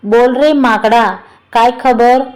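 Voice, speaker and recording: A woman's voice: fairly high pitch, steady tone, slow, darkish tone, low-quality recording. A woman voicing a scheming gangster man who gives curt, insulting orders, within a storybook reading.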